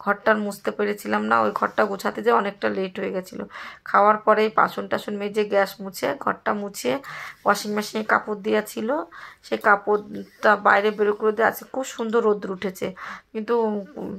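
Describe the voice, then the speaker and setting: A middle-aged woman from Bengal talks on and on to her viewers, her voice hoarse from a cold and gravelly with fry. She rambles and complains in a casual vlog chat, her pitch sitting in a middle range for a woman. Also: little pitch movement, brisk, fairly bright tone. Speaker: vlogger. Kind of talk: casual chat to viewers while doing chores.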